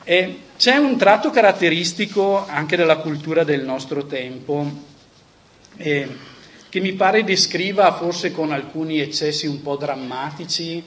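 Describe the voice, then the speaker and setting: A man's voice: on the high side, a bit bright, a little hiss or hum. A man giving an earnest, reflective talk to a church audience, often restarting phrases and adding little tag questions. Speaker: speaker at a church gathering.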